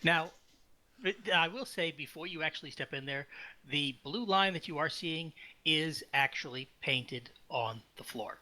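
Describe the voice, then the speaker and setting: A man's voice: on the high side, measured pace. A man running a tabletop game as game master, talking loosely and stopping often with fillers and restarts. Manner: relaxed, hesitant with many fillers and restarts.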